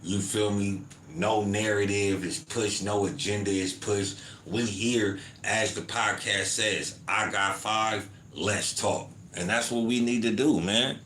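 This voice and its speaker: A lowish, fairly bright male voice keeps fairly even intonation and a slow pace with hardly any pauses. The American host of his own podcast reads chat comments and chats casually, full of "man" and "you feel me." Slight background noise and faint ambience come through the roomy home recording.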